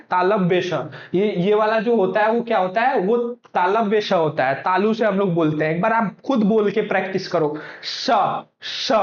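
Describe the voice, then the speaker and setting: A man teaching for exam prep, who keeps asking his own questions and then answering them. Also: high-pitched. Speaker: Hindi teacher. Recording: echoey room, dull lo-fi sound.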